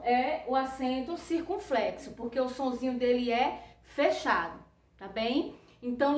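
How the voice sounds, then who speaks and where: A woman's voice: high voice, far from the mic. A Brazilian woman teacher giving a patient grammar lesson to children, checking in with a tag question after each phrase. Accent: Brazilian Portuguese. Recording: roomy echo, voice a bit off-mic.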